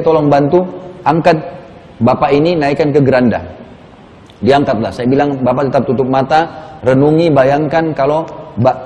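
A man's voice: mid-range voice, warm tone, big-room sound. A man preaching a sermon, retelling a story with quoted dialogue and building to urgent pleading.

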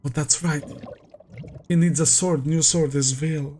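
A man's voice: on the high side, steady tone, measured pace, a little mellow, soft background music. A man hosting an anime reaction, talking casually, swearing freely, laughing often and crying out at big moments.

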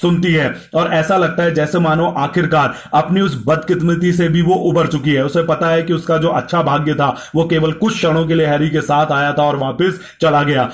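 A male teacher explaining a literature chapter to students, reading each English line slowly and then explaining it at length. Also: on the high side, fairly even intonation.

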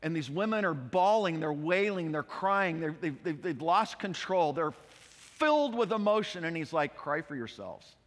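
A male pastor giving a conversational, animated expository sermon, often repeating himself. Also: sits high, normal speed, hardly any pauses. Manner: conversational, animated preaching with repetitions. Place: church sanctuary. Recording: long hall reverb.

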